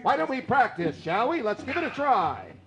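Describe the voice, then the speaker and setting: A man's voice: very high voice, big pitch swings, moderate pace, fairly bright tone, dull audio, exaggerated voice. A man playing a cheery old-time radio announcer with a theatrical, sing-song delivery. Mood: showy. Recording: music under the voice.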